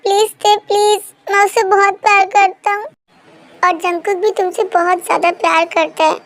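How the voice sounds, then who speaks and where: A woman's voice: very high voice, flat delivery, moderate pace. A woman voicing a pleading young man in love in a Hindi fan-fiction story, begging and repeating please.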